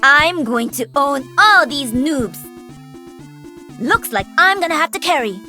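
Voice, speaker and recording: A woman's voice: high-pitched, expressive, unhurried, sharp tone, soft background music, heavily acted. A woman voicing a cocky, playful young pro gamer and mech pilot, perky and taunting, for a video game.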